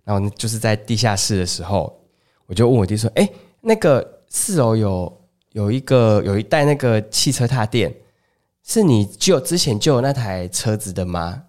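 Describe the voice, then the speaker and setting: His pitch is fairly low and a little mellow, his delivery animated but at a normal speed. This Taiwanese Mandarin-accented podcast co-host keeps things casual, narrating family stories and dramatizing the conversations in them.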